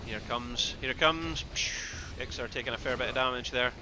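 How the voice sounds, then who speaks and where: A man giving excitable live play-by-play commentary on an esports match, with bursts of loud exclamations. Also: mid-range voice, a little fast, background noise. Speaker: esports caster.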